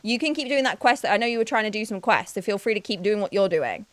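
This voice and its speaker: Streaming an online game, this young Yorkshire woman talks fast in a mid-range voice with lively intonation, and there's no echo on the recording. Her accent is Yorkshire English with some Newcastle influence. She rambles chattily, thinks out loud, pokes fun at herself, and often starts over.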